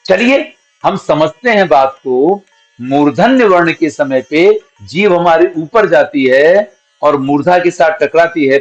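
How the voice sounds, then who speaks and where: A male teacher working through a grammar lesson, pronouncing syllables one at a time to show how each is formed. He speaks at a mid pitch, and the recording is dull and lo-fi. Soft instrumental music plays faintly underneath. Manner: explains patiently, sounds out each syllable slowly as an example.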